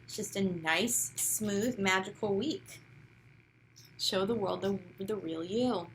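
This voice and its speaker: A young woman giving a casual, chatty tarot reading, enthusiastic and sometimes dropping to soft near-whispers. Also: medium pitch, slow pace, slight background noise. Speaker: tarot card reader.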